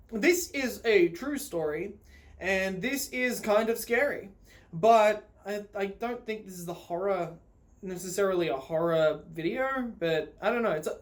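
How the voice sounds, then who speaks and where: An Australian man with a high voice tells a story in a casual vlog recorded on his phone. He's a loose, conversational storyteller whose delivery rambles and is full of swearing.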